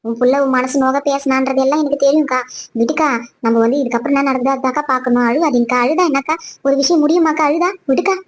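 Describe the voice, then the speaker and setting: A caring cartoon neighbor woman, voiced by a woman speaks in a very high voice and rattles along quickly. She coaxes and soothes a crying friend without pause. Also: steady tone, lightly acted. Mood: soothing. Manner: coaxing, soothing. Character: caring neighbor woman who consoles others. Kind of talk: cartoon voice acting.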